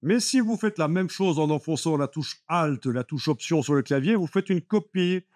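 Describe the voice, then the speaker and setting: A man's voice: a little high, expressive, normal speed, darkish tone, no echo, studio quality. A man teaching a live Photoshop class, explaining steps patiently with many fillers like "euh" and "voilà". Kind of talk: live classroom software lesson.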